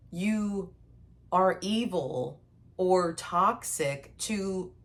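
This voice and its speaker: Woman, young adult, slightly low voice, casual vlog rant, heated, animated. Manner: animated, heated, acts out quotes. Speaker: content creator. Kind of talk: casual storytime rant to camera.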